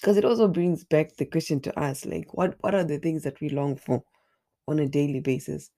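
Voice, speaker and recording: Hoarse and raspy from the flu, a woman earnestly leads an online Bible study, sometimes repeating words while she hunts for the next one. Her voice sits low, with a moderate pace and a warm tone.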